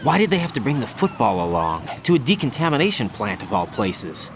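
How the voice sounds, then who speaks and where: A man's voice: mid-range voice, very animated, a little fast, lightly acted. An actor playing a young male special-forces soldier who asks tense, probing questions. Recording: noisy game audio.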